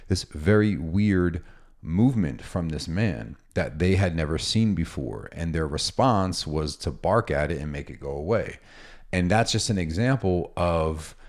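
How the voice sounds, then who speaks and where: A man who works as a dog trainer, talking casually and explaining with examples and asides in a relaxed, instructional way. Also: low voice.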